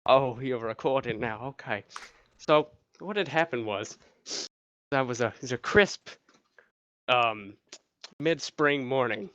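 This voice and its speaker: A man telling a rambling, profane anecdote in a deadpan way, in a muffled, dry recording. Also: mid-range voice, slow, pauses often, no room sound. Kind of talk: casual spoken anecdote.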